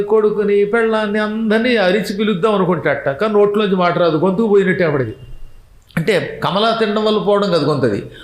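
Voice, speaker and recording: A man giving a devotional scripture discourse, telling stories animatedly, acting out the people he quotes and chanting verses slowly. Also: high voice, echoey room, rough recording.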